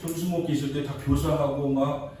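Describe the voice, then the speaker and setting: A man's voice: on the high side, level tone, fairly quick, dark tone. Male pastor preaching in an echoey church. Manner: storytelling, rising to emphatic repeated questions. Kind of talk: sermon. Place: church sanctuary. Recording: distant mic in echoey church with faint background noise.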